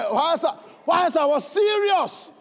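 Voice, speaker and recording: A man with a Ghanaian accent preaching a sermon, swinging between fervent shouts and low, earnest tones. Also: in a large hall.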